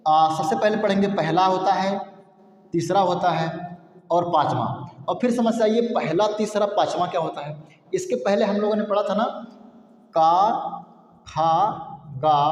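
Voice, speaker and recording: A man teaches a grammar lesson in a high, light voice, repeating each point and posing questions he answers himself. He sounds out syllables slowly to show their difference. His voice rings around an echoey room with a long reverb tail. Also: darkish tone. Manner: repetitive, explanatory, asks and answers own questions; demonstrates sounds aloud. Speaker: Hindi teacher. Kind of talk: classroom-style grammar lesson.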